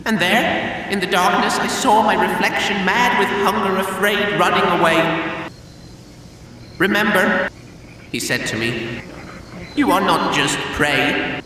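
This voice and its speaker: A man's voice: high-pitched, measured pace, pauses often, bright, forceful tone. A man narrating as a haunted, guilt-ridden Pac-Man who has devoured the ghosts, telling the tale in a brooding, grim first-person voice. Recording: distant, echoey hall with faint hiss.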